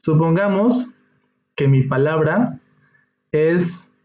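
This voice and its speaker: A man speaks at a slow pace with a fairly high pitch and a darkish tone, giving an unhurried English lesson in class. He patiently explains each step and checks in with his students, and the room recording sounds dull and echoey.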